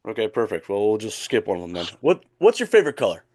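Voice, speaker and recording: A man's voice: lowish voice, wildly swooping pitch, fast talker, darkish tone. A man with a nasal, phlegmy, rattly voice hosting a casual sports chat. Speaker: podcast host.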